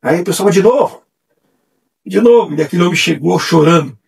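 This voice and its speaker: Fast-talking husky male evangelist. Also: fairly high pitch. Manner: animated, acts out quoted voices. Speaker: church evangelist, guest. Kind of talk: testimony storytelling. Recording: distant mic.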